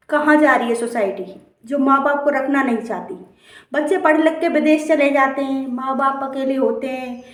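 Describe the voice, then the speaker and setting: Woman, devotional speaker, impassioned moral appeal, earnest and pleading, recorded at a distance in a roomy space. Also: high voice. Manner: pleading, earnest, repeats phrases for emphasis.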